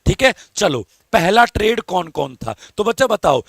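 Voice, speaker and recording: A man's voice: sits high, big pitch swings, normal speed, creaky, fairly bright tone, no echo, clean studio sound. A male teacher, giving a live exam-prep lesson, coaxing students for answers and talking through a strained throat. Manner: coaxing, calls students beta and babu, asks for comments.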